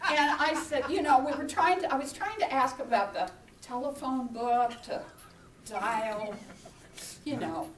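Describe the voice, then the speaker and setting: A woman minister preaching, telling a personal story and acting out her own shouts and whispers. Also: sits high, unhurried, roomy sound, far from the mic, slight background noise. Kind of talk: sermon storytelling. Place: church hall.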